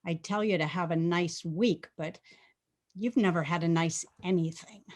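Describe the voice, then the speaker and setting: An actress playing an indignant, cutting sister in a script reading. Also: female voice, fairly low pitch, normal speed, darkish tone, lightly acted. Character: whiny, self-pitying woman, sharp-tongued sister.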